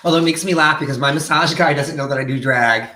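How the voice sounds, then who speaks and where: A man's voice: on the high side, fast, pushed and bright. A man with a campy drag queen manner, chatting and bantering casually on a live stream. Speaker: drag performer hosting a live brunch stream. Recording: roomy, echoing live-stream sound.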